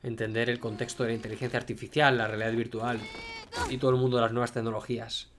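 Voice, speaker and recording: A man's voice: medium pitch, flat delivery, quick pace, noisy background. A man giving casual running commentary as a reaction host, in short dry remarks.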